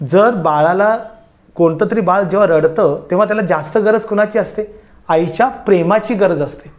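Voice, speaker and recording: A man teaching students how to write essays, talking to them directly and asking them rhetorical questions. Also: on the high side. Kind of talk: essay-writing lesson.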